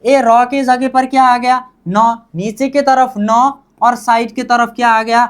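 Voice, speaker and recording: Woman teacher going through a lesson nice and slow, voice sits a bit high, keeps asking "what?" and repeating the answer. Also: fairly even intonation. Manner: repeats questions and drills answers back. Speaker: language teacher. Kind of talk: classroom-style lesson.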